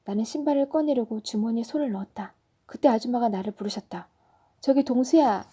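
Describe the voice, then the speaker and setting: A woman storyteller reading a children's story aloud in a soft, often whispery narration. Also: fairly high pitch, fast talker, slightly rough.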